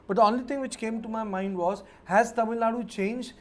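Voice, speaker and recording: A man comments live on a news panel. His delivery is measured and takes a roundabout path to each point. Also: high voice, fairly even intonation, a little mellow.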